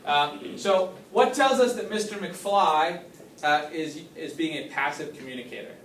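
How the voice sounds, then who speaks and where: A man's voice: a little high, unhurried, a bit bright, a little hiss or hum. Upbeat male teacher in a roomy classroom. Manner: upbeat, questioning, praising answers. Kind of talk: classroom lesson. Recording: roomy classroom, mic far off.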